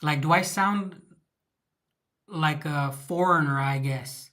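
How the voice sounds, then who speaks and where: With a bright, forceful tone and a voice on the high side, a Southern California livestream host talks slowly and casually to his audience. He rambles, restarts words and greets viewers by name, all in a Mexican American East Los Angeles accent.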